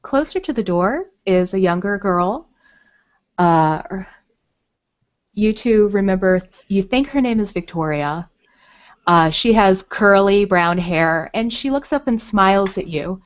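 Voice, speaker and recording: A woman's voice: mid-range voice, expressive, unhurried. A woman narrating as dungeon master, describing the scene with frequent fillers. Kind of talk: narrating a tabletop game. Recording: dull lo-fi recording.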